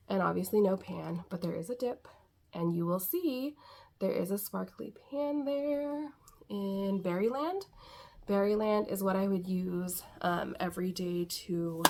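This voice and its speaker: A woman's voice: medium pitch, gravelly, a little mellow. A middle-aged woman vlogging casually about her eyeshadow palettes, chatty and rambling, with lots of fillers. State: a little winded. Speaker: beauty vlogger. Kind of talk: casual makeup chat.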